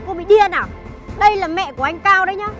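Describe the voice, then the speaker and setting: A woman's voice: sits high, fairly quick, faint music behind. A fawning, sly young woman. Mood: indignant. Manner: sweet-talking, flattering, sharp when accusing.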